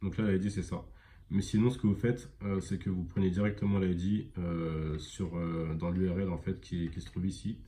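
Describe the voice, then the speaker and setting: A man giving a casual screen-recorded software tutorial, rambling with many fillers and self-corrections. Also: deep voice, little pitch movement, normal speed. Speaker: e-commerce tutorial presenter.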